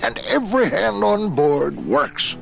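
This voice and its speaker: An actor playing a salty old dockmaster in an adventure game, with a gravelly voice and a folksy, teasing, drawling manner. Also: male voice, high-pitched, very animated, slow pace, fairly bright tone, soft background music, full character voice. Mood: wry. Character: salty gruff old male harbor dockmaster, wry and folksy. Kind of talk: animated adventure game dialogue.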